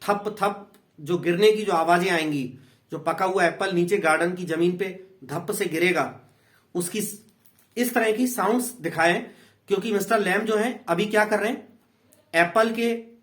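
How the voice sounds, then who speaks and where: A man's voice: high-pitched, normal speed, a bit bright. A man with an Indian accent, an English tutor patiently explaining a play in a class lesson. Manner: patient, repeats and explains in two languages.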